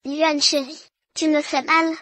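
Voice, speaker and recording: A scheming adulterous noblewoman in a French drama dub. She speaks high and slowly in a coaxing tone. The sound is dry and close. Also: level tone, pushed and bright, no echo. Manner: pleading, coaxing. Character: scheming unfaithful noble wife, pregnant.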